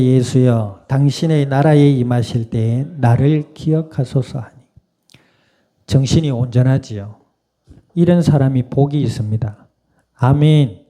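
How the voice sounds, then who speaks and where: A man's voice: mid-range voice, mellow. A man preaching a Sunday sermon in a conversational way, asking the congregation questions and laughing now and then. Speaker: pastor. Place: church sanctuary.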